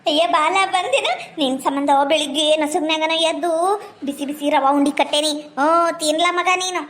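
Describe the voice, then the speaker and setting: A woman's voice: high voice, moderate pace, a bit bright. A middle-aged woman with a North Karnataka accent, chatting and scolding in a homely way as a housewife in a comedy sketch. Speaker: village housewife in a comedy skit.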